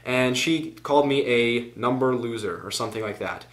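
A man's voice: medium pitch, normal speed. Rambling teenage boy vlogging to camera. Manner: rambling, goes off on tangents, self-mocking. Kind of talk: casual vlog.

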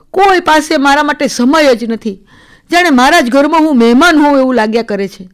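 Reader lady doing a shaky old widow, high n pleading, stumbles on words. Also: close to an everyday voice. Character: elderly lonely widow, timid and tearful.

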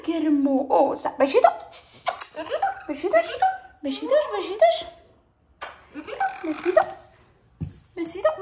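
A woman's voice: high-pitched, darkish tone, slight background noise. A woman talking playful baby talk to her pet parrots, cooing and often laughing.

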